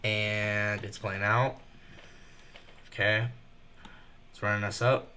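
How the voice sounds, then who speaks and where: A nervous young man giving fast live commentary while trading, thinking out loud and rushing his words. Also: fairly low pitch, level tone, slight background noise. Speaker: day trader streaming live.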